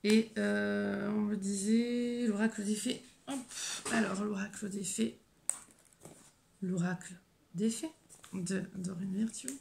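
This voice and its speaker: A woman working as a medium, giving a live oracle card reading, speaking haltingly with many restarts and gently encouraging her viewers. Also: mid-range voice, fairly even intonation, vocal fry, a little hiss or hum. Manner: hesitant, halting, with frequent fillers and restarts. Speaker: medium and spiritual guide.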